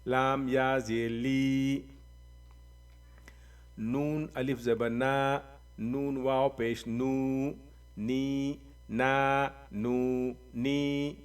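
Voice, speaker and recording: A man teaching Quran reading, spelling out letters and vowel marks slowly and drawing them out, with quick explanations in between. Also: medium pitch, flat delivery, smooth, far from the mic, faint music behind. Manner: slow drawn-out recitation of letters, quick asides. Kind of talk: spelling out syllables in a lesson.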